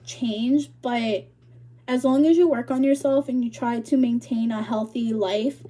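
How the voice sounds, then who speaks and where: A woman's voice: on the high side, steady tone, a little slow, mellow. A young woman vlogger chatting casually to camera, rambling and filling her talk with "like", a little out of breath. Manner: rambling, full of "like" fillers.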